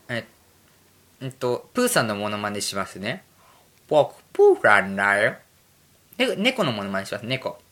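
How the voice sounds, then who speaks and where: A man's voice: medium pitch, fairly bright tone, a little hiss or hum. A young man hosting a solo podcast, rambling casually and mocking himself. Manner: rambling, self-mocking, drifts between topics. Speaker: podcast host.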